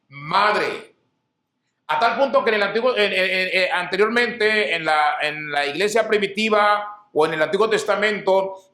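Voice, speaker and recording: High-voiced man preaching in an echoey church. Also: pushed and bright. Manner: asks the congregation rhetorical questions and answers them; repeats and rephrases key phrases. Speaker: pastor. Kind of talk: sermon. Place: church hall. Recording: roomy church hall echo.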